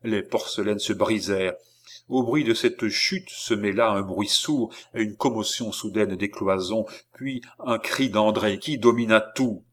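A man narrating a classic novel aloud as an audiobook, in an expressive, dramatic reading. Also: on the low side, unhurried.

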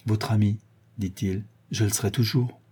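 A man playing a bitter young peasant hunter in an audiobook, low and sombre. His voice is dark and husky with a brooding edge. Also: steady tone, moderate pace.

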